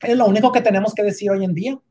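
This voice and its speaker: Talking very fast in a medium-pitched, dark-toned voice with fairly even intonation, a woman casually and emphatically airs her opinions. Her speech is full of restarts and hesitations, and she keeps adding rhetorical tag questions.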